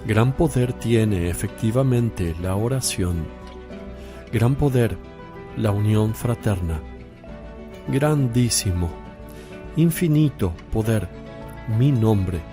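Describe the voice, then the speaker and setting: An actor playing Jesus in a religious radio drama, a calm, solemn teacher speaking in a deliberate, measured way. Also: male voice, lowish voice, over music. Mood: solemn teaching.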